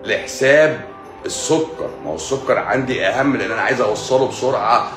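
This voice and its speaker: A man's voice: medium pitch, fast talker. Egyptian man lecturing in an echoey room. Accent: Egyptian Arabic. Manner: repeats key words as questions. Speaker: doctor. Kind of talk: live-stream medical lecture. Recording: echoey room, faint music.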